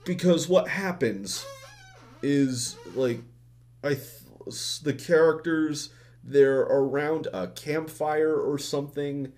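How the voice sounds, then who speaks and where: Slow-talking ranting young man. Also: fairly high pitch, darkish tone. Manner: profane, rambling, exasperated, many restarts. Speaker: movie reviewer. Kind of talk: ranting movie review.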